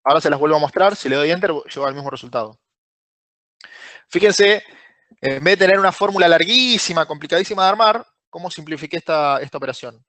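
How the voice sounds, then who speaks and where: A man with a Rioplatense Spanish accent teaches a live online class, walking through each step and putting questions to his students. His voice sits a little high for a man. The sound is dry and close, with no room around it. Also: fast, pushed and bright, dry recording. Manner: asks the class questions and praises answers by name. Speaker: Excel course instructor.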